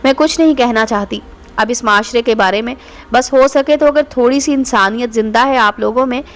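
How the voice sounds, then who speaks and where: A woman narrating a scripted moral story in a fairly high voice. Her delivery is earnest and emotional. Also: normal speed.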